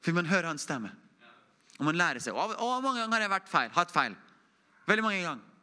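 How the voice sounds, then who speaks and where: A man's voice: high-pitched, big pitch swings, clean tone. Earnest young man preaching a testimony. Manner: earnest and conversational, dropping to a hush on intimate moments. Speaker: preacher giving a mission report. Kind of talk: informal testimony sermon. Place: church.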